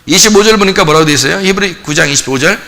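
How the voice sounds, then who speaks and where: Racing along in a high, creaky voice, a pastor runs a relaxed Bible study at church. He animatedly acts out scenes from the passage and keeps quizzing his group.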